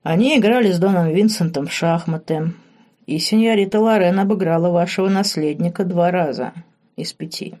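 A woman's voice: lowish voice, moderate pace, darkish tone, lightly acted. A woman reading the part of a polite, discreet male butler in an audiobook. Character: loyal respectful old-fashioned male butler.

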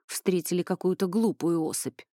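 A woman reading an audiobook voices a young male soldier who speaks low and subdued. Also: normal speed, mellow, no room sound, clean studio sound, lightly acted. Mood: grumbling.

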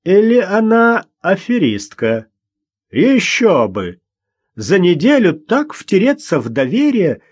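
A man voicing a brash, mocking young man who jeers and shouts in an audiobook. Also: high-pitched, huge pitch swings, takes it slowly, husky, voice pushed up, full character voice. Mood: jeering. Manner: jeering, shouting, cackling. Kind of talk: audiobook character voice.

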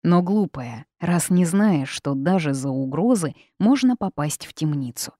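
A woman's voice: deep voice, animated, unhurried, mellow, no room sound, studio quality. A woman voicing an arrogant, haughty male dragon who scolds and threatens. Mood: scornful.

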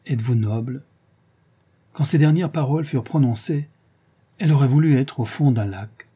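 A man narrating a classic novel as an audiobook, in a measured, even reading. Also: fairly high pitch, slightly rough.

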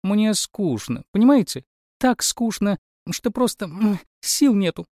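A man's voice: animated, unhurried, a little mellow, no echo, clean studio sound. A man voicing a spoiled, capricious young princess who whines and throws tantrums. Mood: whiny. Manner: shrill, whiny, throws tantrums.

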